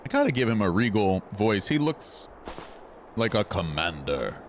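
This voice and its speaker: A man's voice: low voice, animated, moderate pace, slight background noise. A man chatting playfully and casually with viewers as he comments on his gameplay. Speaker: game streamer. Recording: game music behind the voice.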